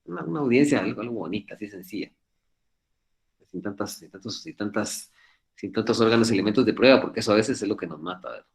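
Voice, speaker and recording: A man teaching an online law class over a video call, talking fast in an earnest, fatherly, repetitive way. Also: lowish voice, animated, gravelly. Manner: talks fast, admits he speaks too quickly. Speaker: law professor.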